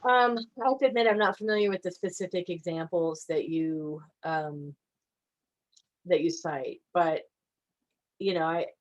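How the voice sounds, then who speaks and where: A woman's voice: on the low side, unhurried, low-quality recording. A woman attorney answering audience questions in a conversational way, with frequent fillers and restarts. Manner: hesitant, many fillers and restarts. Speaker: guest attorney.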